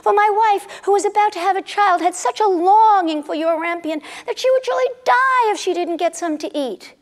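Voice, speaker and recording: A woman storyteller voicing a frightened husband who begs the witch for mercy in a hurried, pleading rush. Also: extremely high pitch, big-room sound, pitched above the performer's own voice.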